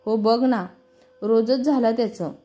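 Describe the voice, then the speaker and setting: A woman's voice: fairly high pitch, fairly even intonation, unhurried, mellow, soft background music, natural voice. A woman voicing an irritated young woman bank clerk who grumbles about her boss. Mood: sulky. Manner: grumbling, sulky complaints.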